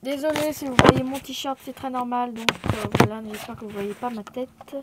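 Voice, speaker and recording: Chatty young woman with a higher voice. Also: flat delivery, normal speed, very noisy. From Thailand. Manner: chatty, scattered, lots of fillers and apologies. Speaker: vlogger. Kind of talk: casual chat to camera. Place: apartment room at home. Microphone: phone held in hand.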